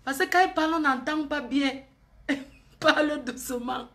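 Woman, high voice, bright tone, gossipy live-stream chat, teasing. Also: moderate pace. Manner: gossipy, teasing, laughs often.

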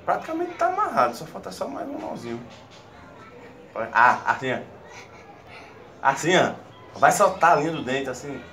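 A man's voice: fairly high pitch, big pitch swings, moderate pace, pauses often, pushed and bright. A young man from the northeast speaking as a father in a casual home video, patiently coaxing his child with step-by-step instructions. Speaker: father filming his son.

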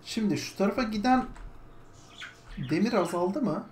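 A woman's voice: medium pitch, animated, moderate pace, a little mellow. A woman streamer casually talking through her gameplay, chatty, now and then coaxing her pet bird. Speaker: gaming streamer. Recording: echoey room with background noise. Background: a bird squawking.

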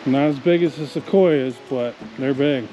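A man's voice: medium pitch, a little slow, warm tone, highs cut off, soft background music. A man in his forties narrating casually while hiking a forest trail, musing aloud about the trees, recorded on an action camera outdoors. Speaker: hiking vlogger. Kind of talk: casual commentary on a hike. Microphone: action camera held or worn.

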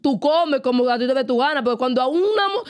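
A young woman with a Dominican accent tells a story with animated energy. Her voice sits high and her talk comes in quick bursts, loose and chatty. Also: smooth. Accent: Dominican Spanish. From Dominican Republic. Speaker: podcast co-host. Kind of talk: casual chat.

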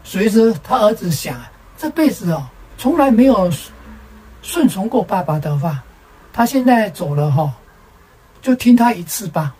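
A woman's voice: mid-range voice, big pitch swings, a little mellow, slightly rough, poor audio. A woman telling a string of short jokes as a show host, stretching the particles at the ends of her phrases. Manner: drawn-out particles at phrase ends, sing-song. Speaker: joke teller, show host. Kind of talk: storytelling jokes.

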